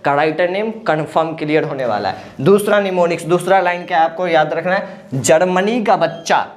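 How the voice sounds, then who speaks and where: A woman teaching an exam-prep lesson, drilling her students by asking questions and answering them herself. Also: lowish voice.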